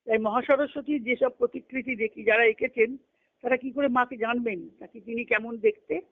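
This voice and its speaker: A woman on a phone conference call, leading a spiritual discussion, reads from a spiritual text and explains it, often repeating and rephrasing. Her voice is on the high side with a steady tone at a moderate pace, and the audio is muffled phone-line sound.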